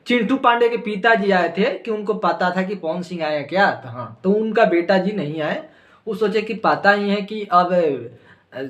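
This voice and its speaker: A man's voice: high-pitched, fairly bright tone. A man with a Bhojpuri accent hosting a casual comic gossip chat, teasing and rambling with asides. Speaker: host of a gossip channel.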